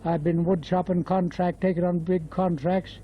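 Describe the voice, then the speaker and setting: Old Australian man, nineties, high-pitched voice, rambling repetitive storyteller, dull lo-fi interview tape. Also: level tone, moderate pace, slight background noise. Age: 90s. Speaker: interviewee, former bush labourer. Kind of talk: casual oral history reminiscence.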